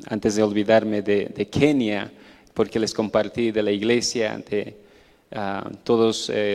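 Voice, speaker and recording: A man gives a church testimony, hesitant and pausing often. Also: fairly low pitch, a little mellow. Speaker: church missionary giving testimony. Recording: echoey hall with long reverb.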